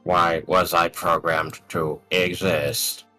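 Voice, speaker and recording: A man voicing a newly built, naive robot character, speaking in a deep, slowed robot voice and asking flat, puzzled questions. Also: faint music behind, exaggerated voice. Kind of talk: playing a character in an online tabletop game.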